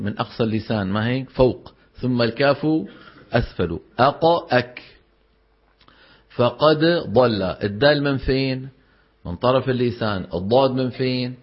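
A man's voice: mid-range voice, breathy edge, lo-fi sound. Man teaching recitation rules. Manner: explanatory, quizzing students with rhetorical questions. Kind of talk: tajweed lesson with recited examples.

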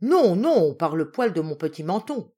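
A woman voicing scared little piglets in a storybook reading, high and loud. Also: big pitch swings, normal speed, slightly rough. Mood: frightened.

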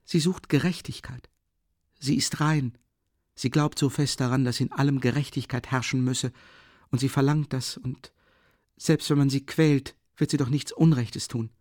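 A man voicing a timid, anguished young woman who pleads in a breathy, rising voice, in a dry audiobook reading. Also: on the high side, lively intonation, normal speed, pauses often, a little mellow, no room sound, voice pushed up, heavily acted. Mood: pleading, distraught.

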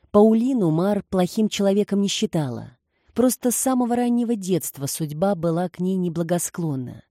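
A woman narrating a novel aloud in a steady, measured reading. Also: fairly low pitch, dry recording, studio quality. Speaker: audiobook narrator. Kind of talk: scripted narration.

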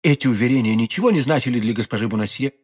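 A man narrating a classic novel in an audiobook with a measured, expressive reading. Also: medium pitch, husky. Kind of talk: scripted literary narration.

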